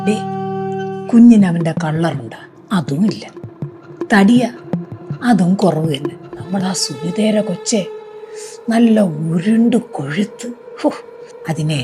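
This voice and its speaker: A woman's voice: on the low side, lightly acted. An actress playing a domineering older mother-in-law who keeps scolding her daughter-in-law in a short film. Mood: gossiping.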